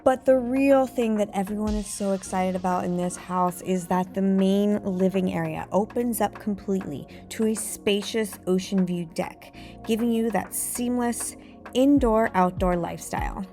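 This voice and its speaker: A woman's voice: mid-range voice, moderate pace, dark tone, soft background music. A woman real estate agent presenting a property tour in a gushing, admiring sales manner.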